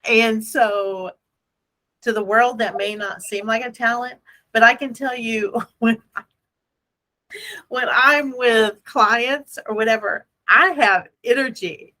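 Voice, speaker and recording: Woman, casual talk host, bright forceful tone, unhurried pace, emphatic repetition, playful, self-deprecating. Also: on the high side, poor audio. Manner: animated, emphatic, repeats phrases for effect. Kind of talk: casual business motivation chat.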